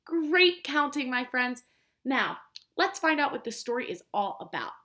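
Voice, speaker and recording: A preschool teacher from America shares a picture book aloud with little kids, speaking simply and expressively and drawing them in with questions. Her voice is high and her pace a little slow.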